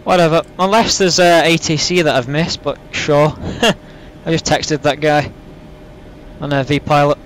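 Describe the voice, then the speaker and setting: Higher-pitched man who says w for r. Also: steady tone, a little slow, a bit bright, a little hiss or hum. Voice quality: can't pronounce R's properly, says w for r. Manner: self-deprecating, rambling. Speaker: flight sim video host. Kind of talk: casual gameplay commentary.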